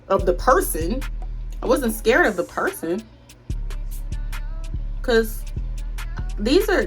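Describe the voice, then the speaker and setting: A young woman chatting casually to viewers while doing her makeup, rambling and confiding. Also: on the high side. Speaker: beauty vlogger.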